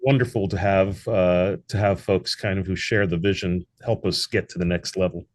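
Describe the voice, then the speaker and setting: Speaking at a moderate pace in a low, steady voice, a theatre founder and actor is interviewed casually over a call. His earnest answers about his theatre work run on in long, winding sentences.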